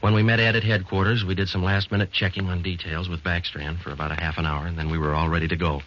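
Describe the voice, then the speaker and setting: On a dull old broadcast with a little hiss or hum, a man plays a calm, matter-of-fact police sergeant who narrates a 1940s radio drama. His low voice comes at a quick pace, flat and clipped, and only lightly acted.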